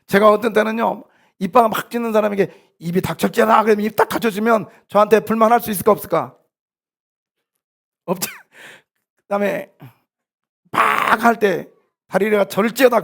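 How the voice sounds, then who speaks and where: A male pastor preaching a sermon in church. He swings from quiet asides to loud, animated exhortation. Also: sits high, gravelly. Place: church sanctuary.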